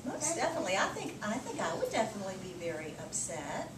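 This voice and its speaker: Heard from a distant microphone in an echoey, noisy room, a woman teacher talks quickly in a sing-song, mid-range voice. She's reading a story aloud to a group of children and discussing it with them, repeating and affirming the answers they give.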